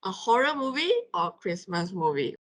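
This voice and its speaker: A woman's voice: mid-range voice, big pitch swings, normal speed. A woman podcast host with a Malaysian English accent, chatting casually and reacting with playful, dramatic exclamations.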